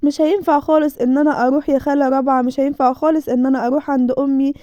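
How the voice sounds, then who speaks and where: A woman's voice: sits high, steady tone, very fast, warm tone, no room sound, close to an everyday voice. A woman voicing a frightened young girl, pleading anxiously with an Egyptian Arabic accent. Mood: scared. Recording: dull dry lo-fi recording.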